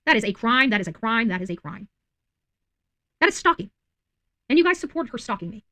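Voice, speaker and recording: A self-described independent journalist and online commentator speaks unscripted to viewers, emphatic, indignant and accusatory, repeating phrases for stress. Her fairly high voice swings widely in pitch, fairly quick and sharp-toned.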